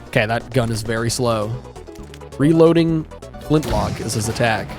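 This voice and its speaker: A gaming YouTuber, a man, giving chatty, excitable let's-play commentary. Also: mid-range voice, moderate pace, music in the background. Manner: excitable, chatty, laughs often.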